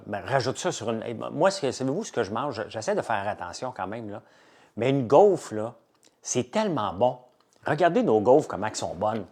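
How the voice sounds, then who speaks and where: A middle-aged man with a Québécois French accent, casually chatting with viewers on a live stream and enthusiastically pitching his products. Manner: chatty, enthusiastic salesman, lively and animated. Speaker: entrepreneur hosting a live chat.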